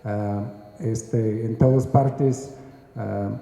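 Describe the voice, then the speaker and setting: Man from Canada, dark voice in a hall. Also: fairly low pitch, fairly even intonation, gravelly. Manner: measured, many hesitant 'ah' fillers. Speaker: book author and researcher. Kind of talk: panel talk answering questions. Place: large hall at a book presentation. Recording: echoey hall.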